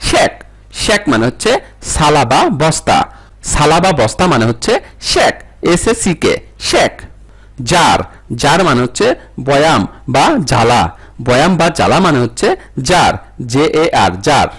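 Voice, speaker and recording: A man's voice: on the high side, very animated, normal speed, fairly bright tone, slightly rough. A man teaching English vocabulary, repeating each word and its meaning and spelling it out letter by letter in a sing-song drill.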